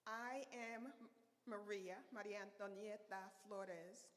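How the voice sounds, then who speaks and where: Unhurried woman telling her story. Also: medium pitch, steady tone, in a large hall. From Honduras. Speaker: speaker at a church gathering. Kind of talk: personal talk to a congregation. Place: church hall.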